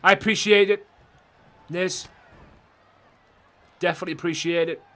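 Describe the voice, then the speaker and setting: A young man calls the action of a wrestling game on a live stream, swearing freely and addressing his chat viewers directly. His voice sits a little high for a man. His delivery jumps between excited outbursts and offhand asides. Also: normal speed, a faint crowd.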